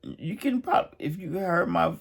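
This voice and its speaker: A man's voice: high voice, lively intonation, a little slow, gravelly. A tired man hosting a spiritual channel, speaking straight to the listener in an earnest, repetitive motivational monologue. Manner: earnest, repetitive, emphatic encouragement.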